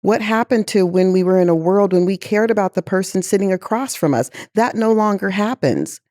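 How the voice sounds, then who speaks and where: A woman's voice: medium pitch, a little mellow, no room sound, clean studio sound. A woman guest in an interview who speaks with passion, asks rhetorical questions and sighs heavily. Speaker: guest executive.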